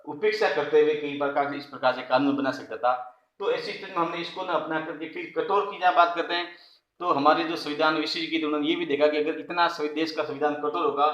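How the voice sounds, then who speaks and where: A man teaching an online college class, his voice sitting fairly high for a man. He explains step by step, repeats key phrases and fills pauses with "uh". The room around him rings with echo. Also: a bit bright, lo-fi sound. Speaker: college political science lecturer.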